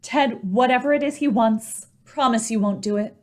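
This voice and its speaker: A woman's voice: fairly high pitch, moderate pace, darkish tone, close to an everyday voice. A woman acting a worried, evasive wife in an old-time radio mystery. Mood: anxious, pleading. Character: worried, evasive young wife pleading with her husband.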